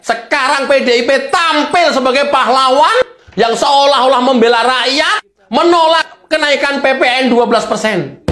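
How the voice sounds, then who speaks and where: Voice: mid-range voice, fairly bright tone, reverberant. A political commentator, delivering a heated opinion monologue in an indignant, mocking way, repeating phrases for emphasis.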